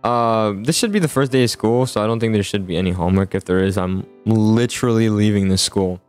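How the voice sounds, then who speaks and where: In a roleplay gaming video he hosts, a man improvises casually, frequently stammering and repeating words over background music. His voice is lowish, a little fast, darkish, clear and resonant.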